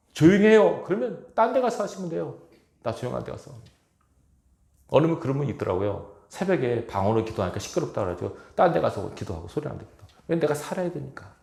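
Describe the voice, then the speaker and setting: Emphatic male pastor with a gravelly voice. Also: mid-range voice, a little mellow. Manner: emphatic, asks the congregation rhetorical questions. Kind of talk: sermon. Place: church sanctuary. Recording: echoey church hall.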